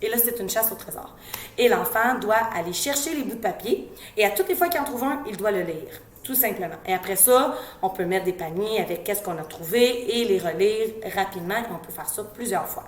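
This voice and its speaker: A woman with a Québécois French accent, an educator giving parents reading tips in a casual teaching tone, slowly sounding out letters and syllables. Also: mid-range voice, expressive, roomy sound, slight background noise. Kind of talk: informal instructional talk.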